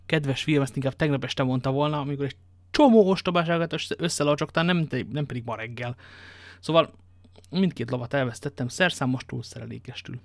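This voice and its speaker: A man with a mid-range, vocal-fry voice reads an audiobook, close to his everyday speech and with no echo. He voices Athos, a worldly and ironic musketeer who tells his tale languidly, and the mood is wry.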